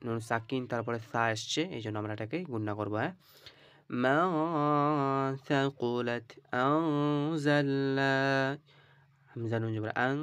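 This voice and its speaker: A man's voice: fairly low pitch, a bit bright, smooth, dry recording. A man teaching Quran reading, spelling out syllables one by one and drawing out the recited words, often checking with "right?". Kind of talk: slow spelled-out recitation lesson.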